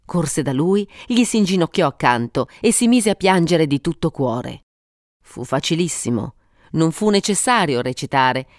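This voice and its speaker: A woman narrating a story for an audiobook, reading expressively with dramatic pauses. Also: sits low, animated, no room sound, clean studio sound. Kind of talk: scripted narration.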